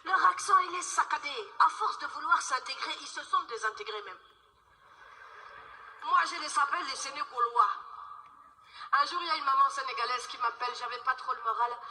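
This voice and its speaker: A woman from the Paris suburbs performing lively, teasing stand-up comedy on a live stage. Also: sits high, normal speed, reverberant. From France, Paris suburbs. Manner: lively, teasing, talking to the crowd.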